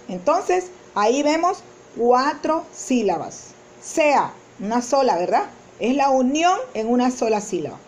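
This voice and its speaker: A woman with a high voice gives a spoken lesson on poetic meter. She talks slowly and patiently, breaking example verses into syllables as she explains. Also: a little mellow. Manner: slow, explanatory, syllabifies example lines aloud. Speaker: teacher.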